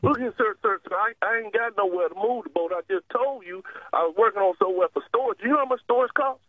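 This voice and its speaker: The man on this prank call digs in stubbornly, arguing and saying the same things again and again. His voice sits high and moves quickly, with no echo, through a dull, lo-fi phone connection.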